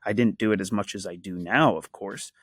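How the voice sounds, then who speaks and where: A man's voice: fairly low pitch, brisk, a bit bright, husky, no echo, clean studio sound. A man from the Washington, D.C. area, a guest in an interview, speaking earnestly and reflectively in long lists. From Washington, D.C. area, USA. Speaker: guest, actor and activist. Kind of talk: conversational interview.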